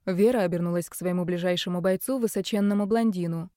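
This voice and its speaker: A woman narrating an audiobook in a steady, expressive reading. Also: mid-range voice, fairly quick, no echo, studio quality. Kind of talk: scripted narration.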